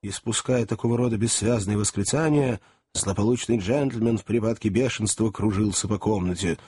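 A man reading a classic novel aloud in an expressive, animated storybook narration. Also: lowish voice, moderate pace, slightly rough, dry recording. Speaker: audiobook narrator.

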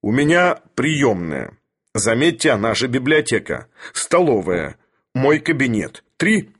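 A man voicing a haughty older professor who speaks in an imperious, lecturing, deliberate manner. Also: mid-range voice, big pitch swings, a bit bright, breathy edge, heavily acted. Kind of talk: audiobook character voice.

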